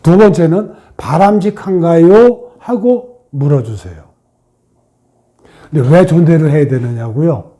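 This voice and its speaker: A meditation teacher delivers a lecture in a fairly high, dark-toned voice, speaking a little slowly. He poses questions and answers them himself, at times dropping to a whisper.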